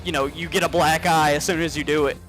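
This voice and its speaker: A man narrating as game master of a tabletop role-play game, excitable, with loud sound effects, over a headset. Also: on the high side, fast talker, over music.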